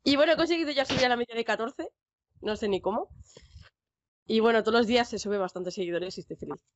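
Fast-talking young Spanish woman. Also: on the high side, no echo, dull audio. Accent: Spain Spanish. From Spain. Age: young adult. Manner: quick chatty talk with frequent "en plan" and "sabes". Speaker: streamer guest. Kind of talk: casual podcast chat.

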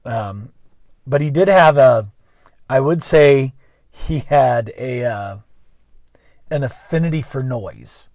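A man's voice: mid-range voice, animated, takes it slowly, pauses often, darkish tone, dry recording, studio quality. A man, a school bus driver, telling a story in a casual, rambling monologue full of restarts and self-corrections.

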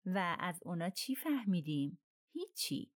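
An agitated, excitable railway director, as a woman reads him in an audiobook, his voice pitched up and pushed louder than the narration around him. He exclaims in frustration throughout. The recording is close and dry. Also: dry recording. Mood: exasperated. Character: excitable exasperated middle-aged male railway director.

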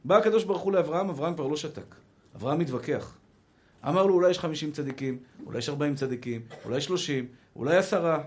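A man's voice: a little high, darkish tone. A man with an Israeli Hebrew accent, a rabbi giving a sermon, animatedly acting out quoted dialogue and calling his listeners brothers.

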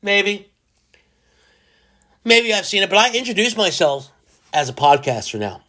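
A man's voice: high voice, sing-song, measured pace, pushed and bright. A man in his forties hosting a solo podcast, rambling and self-mocking as he jokes his way through his thoughts. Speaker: podcast host.

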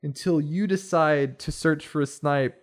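Rambling young man, higher voice. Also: unhurried. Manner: rambling, animated storyteller. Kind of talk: casual chat.

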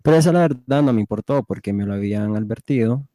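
A man's voice: mid-range voice, expressive, fast talker, warm tone, dry recording, studio quality. Laid-back young man telling a story. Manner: storytelling, laughs while talking. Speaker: podcast co-host. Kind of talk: casual chat.

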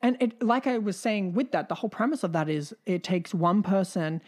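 A woman co-hosting a relaxed podcast conversation, pressing her points with earnest, emphatic energy and dropping the odd swear. Her voice sits in an ordinary middle pitch. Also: fairly quick. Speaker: podcast co-host. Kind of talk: casual podcast chat.

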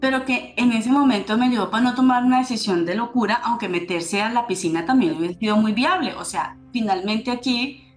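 A woman's voice: a little high, brisk, hardly any pauses. A woman telling a personal story with emotion and turning it into a spiritual teaching. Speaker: spiritual speaker. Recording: roomy echo with faint music.

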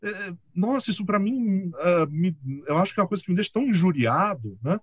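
A Brazilian man chats as a guest, his voice pitched a little high and swinging widely as he tells stories. He has a husky edge and keeps dropping little tag questions. The sound is dry and close. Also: brisk, dry recording. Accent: Brazilian Portuguese. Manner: animated storyteller, chuckles often, many filler tags. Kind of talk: casual conversation.

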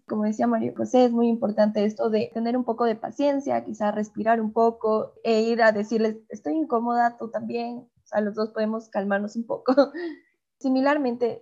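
Woman host, mellow tone, fairly high, chatty, slightly lo-fi. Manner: chatty, laughs between points. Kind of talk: conversational talk show. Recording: slightly dull lo-fi sound.

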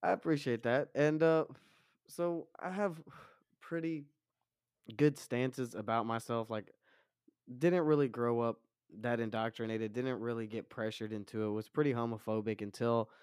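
A man with a deep, low, masculine voice and a laid-back stoner drawl, talking candidly as an interview guest. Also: normal speed, a little mellow, clean tone, no room sound, studio quality. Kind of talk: candid personal conversation.

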